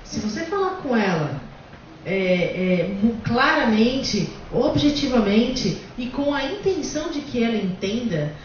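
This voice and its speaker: A woman's voice: fairly high pitch, very animated, measured pace, a little hiss or hum. A woman hosting a casual discussion, explaining bluntly and emphatically. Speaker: host. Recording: echoey, distant, dull lo-fi room.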